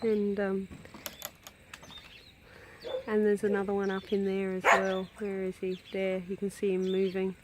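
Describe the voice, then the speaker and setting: A woman casually narrating a walk around her farm, chatting fondly and calling to her animals in a high sing-song voice. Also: completely flat delivery, unhurried, long pauses, heavy background noise. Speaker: hobby farm vlogger. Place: outdoors on a rural property. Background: faint birds and farm animals.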